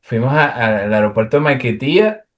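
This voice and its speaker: A man's voice: mid-range voice, expressive, brisk. A young man from Venezuela, casually and animatedly telling a travel story as a guest, with plenty of fillers.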